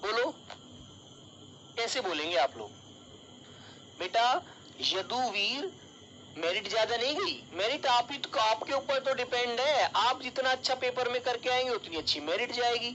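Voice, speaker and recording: A man's voice: extremely high pitch, lively intonation, measured pace, long pauses, bright, forceful tone, muffled recording, slight background noise. A male teacher giving an online exam-prep lesson, calling his students child and dear and explaining with everyday examples.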